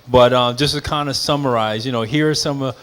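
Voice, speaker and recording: A man leading a small church teaching session, summarizing in a relaxed, friendly way. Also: mid-range voice, a little fast. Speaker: pastor leading the class.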